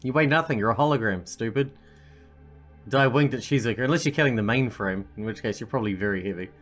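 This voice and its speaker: A woman's voice: rumbling low, quick pace, faint music behind. A woman doing a let's play, reading game narration aloud and adding casual commentary.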